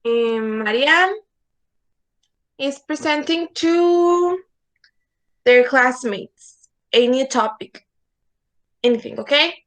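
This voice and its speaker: A woman's voice: high-pitched, expressive, takes it slowly, long pauses, fairly bright tone, poor audio. A woman teaching an English lesson in an online class, patient and repetitive, checking in with "okay?" again and again. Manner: patient, repeats words and asks "okay?" often.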